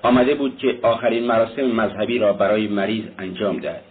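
A man reading a novel aloud as narrator, in a steady scripted delivery. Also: lowish voice, a little hiss or hum. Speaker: audiobook narrator. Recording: tinny phone-like sound.

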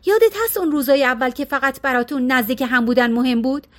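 A woman's voice: high voice, expressive. A woman voicing an eager, emotional middle-aged wife in an audiobook. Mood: pleading. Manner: eager, pleading. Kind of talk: audiobook character reading.

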